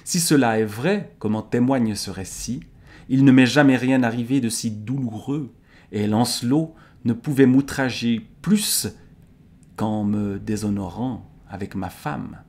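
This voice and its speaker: A man with a Swiss French accent reading aloud the lines of a betrayed medieval king, grave and measured. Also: medium pitch, darkish tone, close to an everyday voice. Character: wounded, suspicious medieval king, middle-aged man.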